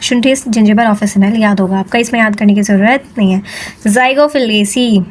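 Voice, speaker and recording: A young woman tutoring in a chatty, playful way, drilling terms slowly and repeating them, mixing Hindi with English terms. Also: a little high. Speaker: Ayurveda tutor. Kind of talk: informal exam-prep lesson.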